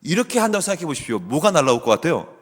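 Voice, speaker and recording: A middle-aged man, a theology professor, preaching a sermon as a guest with animated storytelling, chatting with the congregation. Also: on the high side, very fast. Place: church sanctuary. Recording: long church hall reverb.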